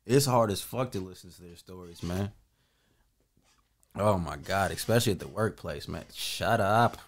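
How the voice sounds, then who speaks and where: A man's voice: sits low, moderate pace. A man in his twenties hosting a reaction video, talking in laid-back slang. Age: 20s. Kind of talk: casual reaction commentary.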